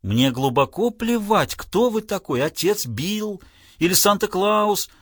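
A man's voice: sits high, big pitch swings, unhurried, fairly bright tone, husky, no echo, studio quality, pitched above the performer's own voice, full character voice. A man doing a scornful, angry young man.

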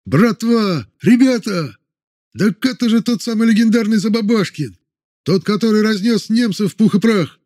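A man voicing an excited prisoner yelling from within a crowd in an audiobook. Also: high voice, normal speed, pitched above the performer's own voice.

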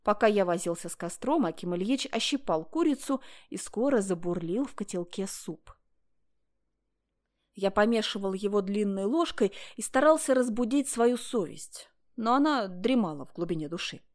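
Woman, storybook narration, calm steady reading, middle pitch. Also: normal speed. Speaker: reader.

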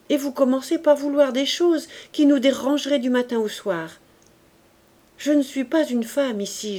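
A poised, practical shop owner speaks calmly and reasons things out with quiet assurance, as a woman reads her lines. The voice is mellow and warm, with no harshness. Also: a little high, voice pushed up. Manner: cool, composed, reasoning. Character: calm, practical businesswoman running a shop.

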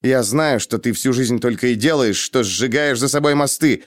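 A man's voice: medium pitch, moderate pace, dry recording, studio quality, close to an everyday voice. A male audiobook reader voicing a proud, defensive young man who speaks in a heated, biting way. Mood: angry. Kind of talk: audiobook character reading.

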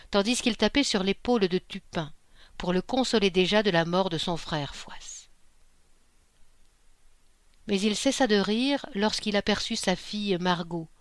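A woman reading a classic short story aloud in a measured, expressive narration. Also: medium pitch, no room sound. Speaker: audiobook reader.

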